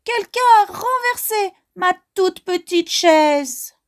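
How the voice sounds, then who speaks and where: A tiny bear cub from a storybook squeals in a sharp, piercing little voice, as a woman reader puts him on. The pitch leaps very high and swoops widely. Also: animated, slow pace, full character voice. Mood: squealing. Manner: high squeaky shrill cries.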